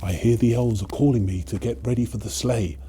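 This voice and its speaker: A man playing a kindly old Father Christmas, gently narrating a storybook to children. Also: medium pitch, steady tone, fairly quick, breathy edge. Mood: fond farewell.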